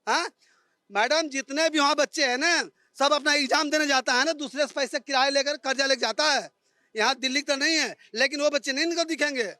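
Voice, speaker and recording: A man fires rhetorical questions one after another in a heated panel debate. His voice is very high and bright. The recording is close and dry. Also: no echo. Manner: rapid-fire rhetorical questions, combative.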